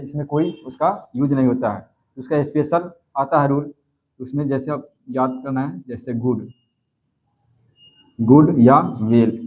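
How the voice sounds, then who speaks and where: A man teaches a grammar class at a steady middle pitch. He keeps asking questions and answering them himself, and he says each key word twice. It sounds like an ordinary coaching-centre lesson. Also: lo-fi sound. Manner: repeats key words and quizzes himself with questions.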